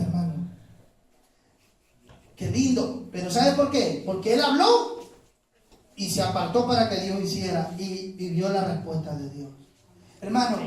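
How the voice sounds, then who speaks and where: A man's voice: high voice, a little mellow, a little hiss or hum. A male pastor preaching a sermon, emphatic, asking the congregation questions. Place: church. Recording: echoey church hall from far off.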